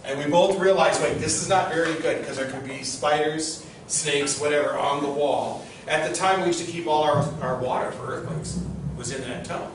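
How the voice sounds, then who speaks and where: A man's voice: a little high, moderate pace, hardly any pauses. A middle-aged man giving an informal guided tour, telling stories to a group in a conversational way and putting questions to his listeners. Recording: distant, very echoey, noisy group-tour recording.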